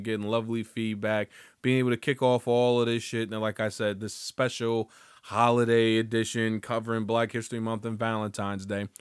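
A man's voice: mid-range voice, clean tone, no room sound, clean studio sound. A man hosting his own podcast, rambling loosely with lots of swearing and jokes. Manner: rambling, profane, loose and joking. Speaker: podcast host. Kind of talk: casual solo podcast monologue.

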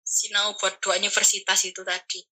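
Bright young East Javanese woman storyteller. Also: medium pitch, a little fast, rough recording. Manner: animated, acts out quoted people. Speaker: guest telling her story. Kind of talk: casual storytelling.

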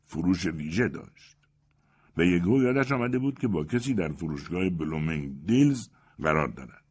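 A man narrating an audiobook story with expressive storytelling. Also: sits low. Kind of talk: scripted narration.

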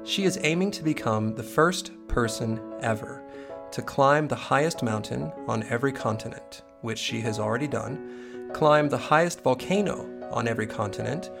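A man hosts an interview podcast, his voice carrying a gravelly rasp. He asks his questions in a friendly, measured way, with faint instrumental music playing behind him. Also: mid-range voice. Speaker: podcast host.

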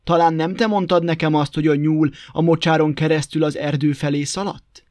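A man doing a gruff, blustering wolf. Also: fairly high pitch, level tone, darkish tone, no room sound, studio quality, natural voice. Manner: growling, threatening and blustering.

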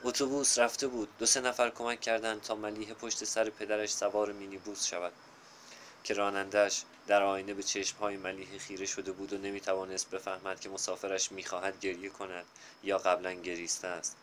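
A man narrating a literary story in a measured, unhurried reading style. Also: sits low, completely flat delivery, a bit bright, a little hiss or hum.

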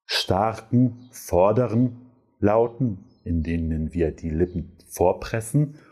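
Guy teaching pronunciation, deep dark voice, bit husky, slow and patient. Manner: slow, patient, repeats words several times. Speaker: Polish teacher. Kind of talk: pronunciation lesson.

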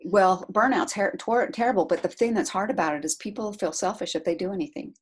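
A middle-aged woman talking about being a caregiver, chatty and animated, laughing often as she tells a story. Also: mid-range voice, a little fast, slightly rough. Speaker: guest, caregiver to her husband. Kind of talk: casual interview storytelling.

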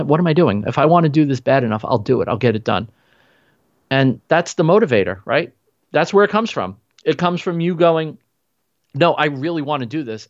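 A man's voice: fairly high pitch, dry recording. Guy on a podcast getting fired up about mindset, repeats himself for emphasis, kinda muffled dry audio. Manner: earnest, motivational, emphatic repetition. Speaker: podcast guest. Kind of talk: casual conversation.

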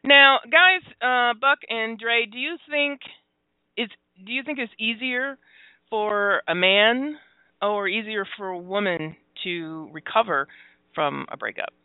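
A woman in her forties hosts a phone-in radio talk show and speaks candidly about her own life, with many pauses, fillers and frequent laughter. Her voice is on the high side, and the recording is dry and tinny like a phone, with no room sound.

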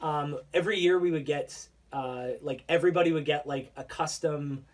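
In casual conversation as a podcast co-host, this man uses a slightly high voice with fairly even intonation and a normal pace. His speech is hesitant and loaded with filler like "like" and "um," and in the studio he's slightly off the mic.

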